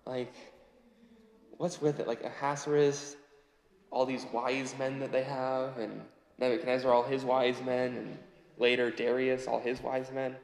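A man teaches from the Bible in a relaxed, chatty way and reads the scripture passages out a little louder. His voice rings through a large room with a long, lingering reverb. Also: mid-range voice, unhurried, gravelly. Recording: echoey hall with long reverb.

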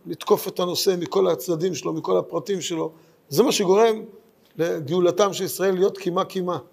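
A man leads a Midrash study lesson, working his ideas out aloud in short phrases that often trail off and restart. His voice sits high with a gravelly edge to it. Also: a little mellow. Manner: thoughtful, searching for words, speaks in short phrases. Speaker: Torah teacher.

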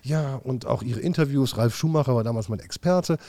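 A man's voice: mid-range voice, a little fast. A middle-aged man, a podcast co-host, telling stories in a casual chat and acting out quotes. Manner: lively storytelling, acts out quotes, swears. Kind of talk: casual beer-fuelled chat.

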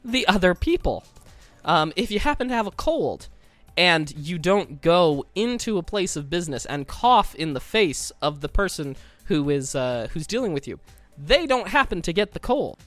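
Man, podcast co-host, wordy wry storyteller, lively intonation, throat scratchy from being sick, dry close sound. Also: sits high, moderate pace, dry recording, faint music behind. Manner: wordy, mock-formal, wry. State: under the weather with a scratchy throat. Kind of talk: casual comic storytelling on a podcast.

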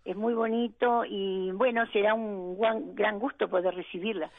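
A woman's voice: medium pitch, fairly even intonation, measured pace, no room sound. A woman talking over a crackly phone line with interference, hesitant with many filler words, as a business founder in a phone interview. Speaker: founder of a family food business.

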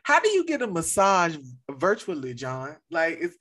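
A woman's voice: on the low side, huge pitch swings, normal speed, a bit bright. A woman co-hosting a casual chat podcast, rambling and riffing with laughter. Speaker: podcast co-host.

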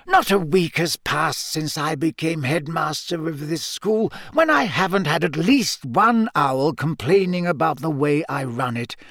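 A man performs an elderly wizard headmaster from a storybook. The voice sits high and swoops gently through measured, formal phrases. He is calm and authoritative, with a dry, whimsical wit. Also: no echo. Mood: stern, kindly. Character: wise old male wizard headmaster, wry, calm and authoritative.

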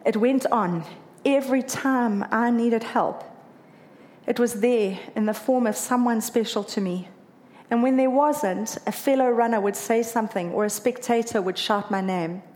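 Her voice sits on the high side and moves a little slowly as this South African woman tells of running a marathon. The account is heartfelt and emotional, with livelier moments when she voices others' words.

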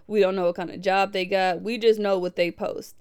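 Woman, twenties, from Milwaukee, smooth clear voice, casual podcast chat, animated. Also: mid-range voice, a little fast. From Milwaukee, USA. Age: 20s. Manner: animated, laughs often, playful asides. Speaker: podcast host. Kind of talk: casual reflective podcast talk.

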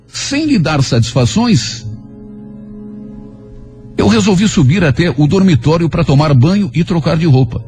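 Male radio narrator, expressive first-person story reading, fairly high and lively voice, soft music under.

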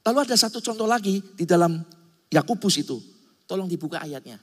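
A male pastor delivers an emphatic sermon in a slightly high, husky voice that swings widely in pitch. He keeps turning to his listeners as brothers and sisters. Long reverb from the hall trails each phrase. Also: lively intonation, a little fast, fairly bright tone.

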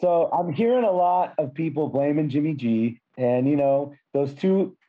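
A hoarse man who has lost his voice from yelling, hosting a casual sports podcast in a blunt, frustrated way. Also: fairly high pitch, lively intonation, normal speed, narrow, tinny audio.

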